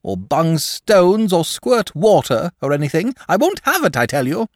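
A lazy, good-natured dragon rattles on in a high, fussy voice, as a man reads him aloud. The chatter is hasty and old-fashioned, leaping up and down in pitch. The sound is dry and close. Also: wildly swooping pitch, normal speed, no echo. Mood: alarmed.

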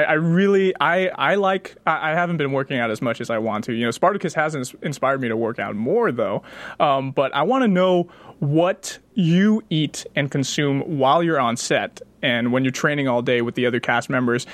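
A man's voice: medium pitch, a bit bright, no room sound. A man hosting an interview, eager and enthusiastic, often stumbling into his questions. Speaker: interviewer host. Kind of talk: casual interview chat.

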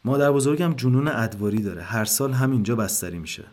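A man's voice: medium pitch, lively intonation, a little mellow, close to an everyday voice. A man voicing a tense young soldier who pleads urgently with hospital staff. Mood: pleading.

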